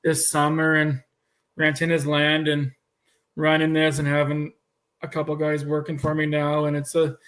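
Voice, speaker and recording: A man's voice: a little high, monotone, normal speed, fairly bright tone. A man in his thirties from Canada, a cattle breeder chatting casually on a podcast, rambling a little with restarts. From Manitoba, Canada. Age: 30s. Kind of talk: casual chat.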